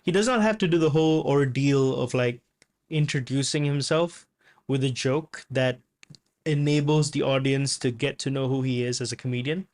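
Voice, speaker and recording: A man giving casual reaction commentary on a comedy clip, relaxed and chatty, laughing often. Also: mid-range voice, normal speed.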